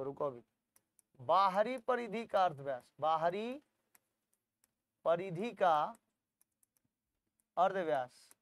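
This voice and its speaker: Male tutor, higher pitch, coaxing question-and-answer teaching, dry recording. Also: dry recording. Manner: coaxing, asks students questions, then answers them. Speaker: maths tutor. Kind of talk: solving textbook problems aloud.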